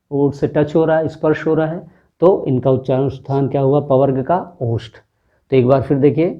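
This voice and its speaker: Man slowly sounding out Hindi consonants. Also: on the high side. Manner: patient, demonstrative, repeating sounds slowly and quizzing the viewer. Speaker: teacher. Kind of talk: Hindi pronunciation lesson. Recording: dull lo-fi recording.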